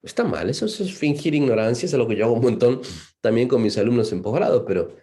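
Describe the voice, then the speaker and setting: A man from Argentina talks fast and expressively at medium pitch, his tone dark and his accent Argentine Spanish. As a psychologist leading a seminar lecture, he stays thoughtful while filling his speech with fillers and "¿no?" tags.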